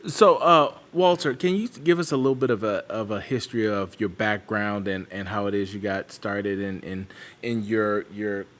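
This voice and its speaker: Man, podcast host, relaxed, chatty, lower voice. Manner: relaxed, chatty, halting with fillers. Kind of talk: casual podcast hosting.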